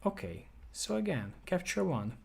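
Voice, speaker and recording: A man's voice: high voice, very animated, moderate pace, gravelly, darkish tone, breathy edge. A man with a Hungarian accent, a native Hungarian speaker, thinking aloud and apologizing as he demonstrates a controller during a live stream. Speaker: product demonstrator. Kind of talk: live-stream product demo.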